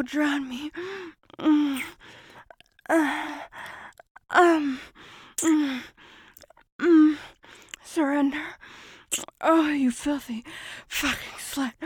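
A woman voicing a female shapeshifting monster in an erotic audio role-play, breathy and halting, with sighs and drawn-out words. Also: high-pitched, no echo, studio quality. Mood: lustful, gloating. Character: predatory female shapeshifting monster, seductive captor turned panicked prey.

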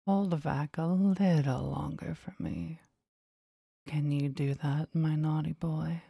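A woman whispers close and breathy, her low voice husky with gravelly fry. She takes her time over every word in a teasing, commanding way. The sound is intimate and dry. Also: steady tone, takes it slowly, dark tone, no echo. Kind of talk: whispered intimate ASMR roleplay.

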